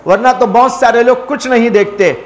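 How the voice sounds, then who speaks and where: A man preaching a sermon as a mufti, earnest and repetitive, teaching through parables and rhetorical questions. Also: extremely high pitch. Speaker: mufti giving a spiritual talk.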